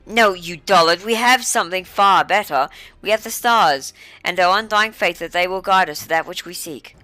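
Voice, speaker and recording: A woman's voice: fairly low pitch, moderate pace, bright, forceful tone, no room sound, soft background music, pitched above the performer's own voice, rough recording. A woman voicing a haughty, theatrical quest-giver with a commanding delivery.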